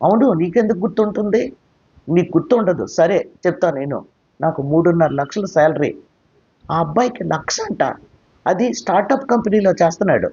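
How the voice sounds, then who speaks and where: Guy putting on a scornful proud woman, snappy and huffy, husky highish voice, kinda muffled audio. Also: animated, fairly quick, dark tone. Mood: angry. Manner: indignant, scornful. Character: proud, sharp-tongued unmarried woman, about 30s. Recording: slightly muffled lo-fi recording.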